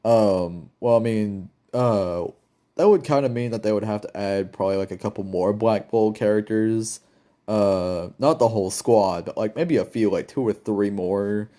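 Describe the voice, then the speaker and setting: A man's voice: lowish voice, moderate pace, warm tone. A young man giving casual solo commentary, rambling with many fillers and restarts. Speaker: YouTuber.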